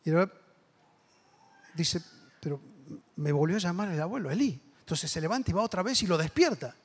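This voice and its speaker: A man's voice: high-pitched, animated, a little fast, husky. A man with a Rioplatense Spanish accent preaching a sermon, telling a story with acted-out voices and building to emphatic exhortation.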